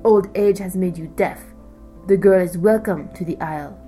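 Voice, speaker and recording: A bold male fox, as a woman reads him, speaking up firmly in a warm, mellow tone. He sounds sure of himself and commanding, with faint music in the background. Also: lowish voice, normal speed, lightly acted. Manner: loud, firm, declaring.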